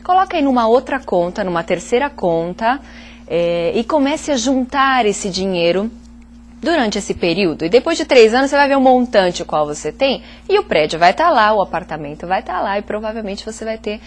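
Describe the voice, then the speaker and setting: A woman's voice: fairly high pitch, big pitch swings, moderate pace. A woman, a finance guest patiently explaining savings tips on a TV show. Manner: patient, explanatory, many fillers. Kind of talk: advice on a TV talk show.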